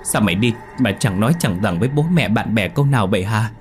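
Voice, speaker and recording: A man's voice: lowish voice, a little fast, faint music behind, natural voice. A man voicing a frightened seventeen-year-old village girl who asks stammering, agitated questions.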